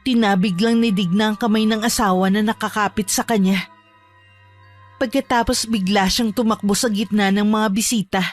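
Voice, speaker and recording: A woman giving scripted horror narration in a measured, grave tone. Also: medium pitch. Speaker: storyteller.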